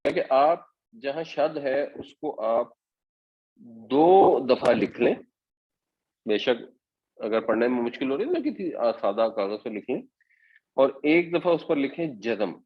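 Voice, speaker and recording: A man teaching a scripture commentary class, walking listeners patiently through each point. His voice sits at an everyday middle pitch, and the recording has a slightly dull, lo-fi sound. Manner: patient step-by-step explaining. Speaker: Quran teacher. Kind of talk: Quran commentary lesson.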